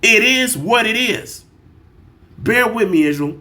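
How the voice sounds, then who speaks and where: This is a man with a fairly high voice, commenting in a heated, irritated way on a clip he is playing. He swears freely and talks directly to his audience. When he reads verses aloud, he slows right down. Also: expressive, pushed and bright. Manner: irritated, profane, talks straight to viewers; reads scripture slowly and deliberately. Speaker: reaction video host.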